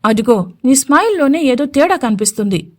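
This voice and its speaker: A woman's voice: sits high, very animated, moderate pace. A woman voicing a shy young woman in love, coy and a little whiny as she protests.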